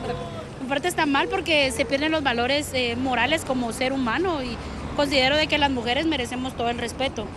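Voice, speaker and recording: Female passer-by, composed formal answer, high voice, crowded street. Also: fairly quick, a crowd in the background, background noise. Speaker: interviewee. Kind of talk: street interview.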